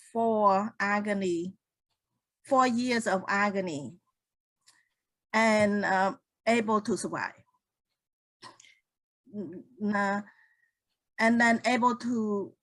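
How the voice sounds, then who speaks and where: An older woman in her sixties with a Cambodian accent answers an interviewer's questions in careful second-language English. She speaks very slowly at a middle pitch and often restarts her sentences. The recording is dry and close, with no room sound. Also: a bit bright, no room sound, low-quality recording. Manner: unhurried, with restarts and non-native grammar. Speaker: guest, speaker and author.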